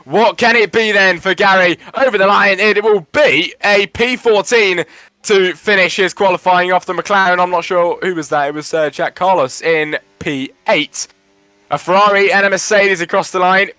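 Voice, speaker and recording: Bright, high-voiced male racing commentator. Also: normal speed, dry recording. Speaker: race commentator. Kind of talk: live esports motor racing commentary.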